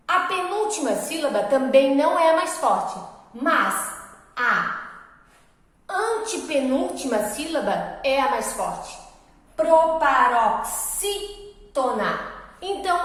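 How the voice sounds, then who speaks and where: Slow, patient woman teacher, echoey room. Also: high-pitched, a bit bright. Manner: slow, patient, explaining step by step with questions to pupils. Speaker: primary school teacher. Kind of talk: recorded video lesson. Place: school classroom. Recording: echoey classroom with long reverb.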